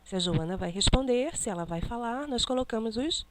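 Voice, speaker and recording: A woman teacher slowly correcting a classroom exercise, stressing each punctuation mark she names. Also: fairly high pitch, animated, background noise.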